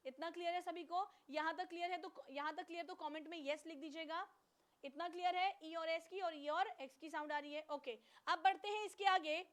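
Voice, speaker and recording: A woman's voice: extremely high pitch, fairly even intonation, a little fast. A woman teacher giving an online class, who asks questions and then answers them herself, and switches between Hindi and English.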